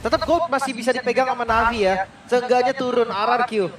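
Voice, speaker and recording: A man's voice: very high-pitched, a little fast. A man with an Indonesian accent giving conversational match analysis as an esports co-commentator. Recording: echoey, distant, noisy background.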